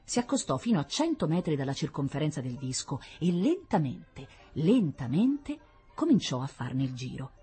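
A woman reading a children's storybook aloud in an expressive, lively storytelling manner. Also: low voice, moderate pace, husky, faint music behind. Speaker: narrator.

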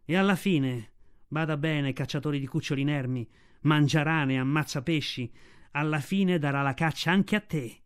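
A man's voice: on the high side, expressive, brisk, darkish tone, natural voice. A man voicing a fierce, protective mother she-wolf in an audiobook, speaking defiantly in a raised voice. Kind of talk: audiobook reading.

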